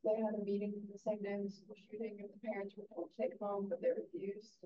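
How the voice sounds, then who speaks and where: A woman student asking a quick, tentative question in class from across the room. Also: mid-range voice, monotone. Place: lecture room, away from the mic. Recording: faint, muffled, distant in a roomy lecture room.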